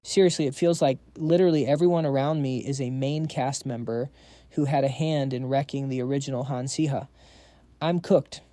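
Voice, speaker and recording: A man's voice: mid-range voice, steady tone, moderate pace, dark tone, dry recording, lightly acted. A man voicing a weary, sarcastic young male student who talks in exasperated, slangy inner monologue.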